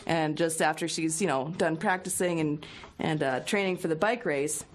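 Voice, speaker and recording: A singer-songwriter appears as a guest on a radio show, talking casually and playfully with plenty of jokes. Her voice sits low and she speaks at normal speed.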